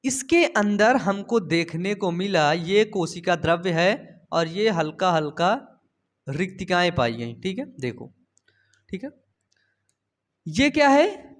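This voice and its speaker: A man's voice: high voice, animated, slow, long pauses. A young man teaching a biology lesson in a chatty, coaxing way, repeating key terms and asking his students questions. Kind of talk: Hindi classroom-style lesson.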